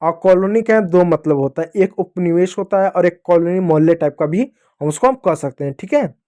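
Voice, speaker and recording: In a kids' spelling lesson, a man with a high, mellow voice spells out English words one letter at a time, repeating every answer and speaking to the class as "children." His pace is a little fast.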